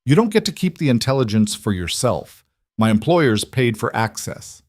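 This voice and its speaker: A man's voice: mid-range voice, big pitch swings, normal speed, dry recording, clean studio sound. A man voicing a menacing male Russian mercenary in an audiobook, speaking with a Russian accent in a cold, blunt way. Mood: threatening.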